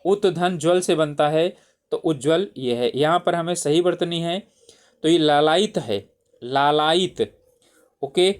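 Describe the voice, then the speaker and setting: A man's voice: on the high side, a little slow. A man teaching spelling for an exam, patiently repeating each word and checking in with his listeners. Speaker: Hindi exam tutor. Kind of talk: explaining exam spelling questions.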